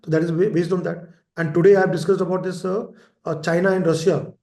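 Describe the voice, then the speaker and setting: High-voiced man lecturing in an echoey room. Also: fairly even intonation, fast talker, gravelly, mellow. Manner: repeats key terms, asks frequent "right?" checks. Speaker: teacher. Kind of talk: lecture for exam preparation.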